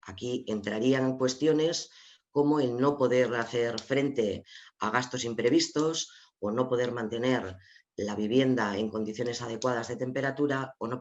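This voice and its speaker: A man's voice: mid-range voice, dull audio. A man with an Asturian Spanish accent presenting a report in an online seminar, explaining figures step by step and talking directly to the viewers. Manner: explanatory, addresses viewers directly, sharing slides. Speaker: webinar presenter.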